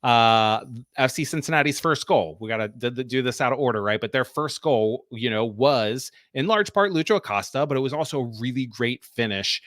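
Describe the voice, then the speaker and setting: A man's voice: medium pitch, brisk, fairly bright tone, no room sound, studio quality. A man co-hosting a soccer podcast, explaining tactics and walking through plays step by step in a casual, analytical way.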